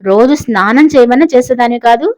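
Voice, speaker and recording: Woman doing a loud scolding mother. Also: on the high side, fast talker, lo-fi sound, lightly acted. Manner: scolding, shouting. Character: scolding middle-aged mother, loud and fussy.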